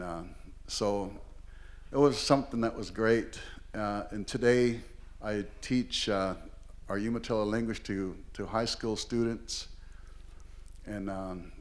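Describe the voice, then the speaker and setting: A man's voice: fairly low pitch, fairly even intonation, unhurried. Older man telling a rambling, funny story. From Oregon. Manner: rambling and humorous, heavy with fillers. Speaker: language teacher and storyteller. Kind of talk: live storytelling on stage. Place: performing arts hall, live event.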